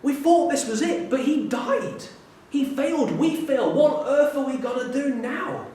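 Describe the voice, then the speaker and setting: A man voicing an exasperated, grieving male disciple in a high, strained, emphatic voice while reading scripture aloud. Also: normal speed, dark tone. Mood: despairing. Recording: roomy echo from a distant mic.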